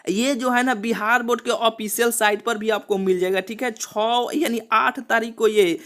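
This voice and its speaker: A man's voice: extremely high pitch, steady tone, moderate pace, a bit bright. A young man explains exam rules to students in a video, repeating himself and leaning on small filler words as he goes. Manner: repetitive, keeps saying "see" and "okay". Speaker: exam coaching channel host.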